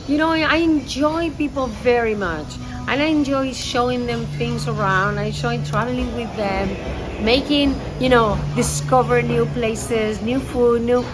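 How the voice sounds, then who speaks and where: Laughing frequently and groping for words, a tour guide from Spain whose first language is Spanish responds animatedly to interview questions. She speaks at a measured pace in a higher voice, over loud background music in a rough recording.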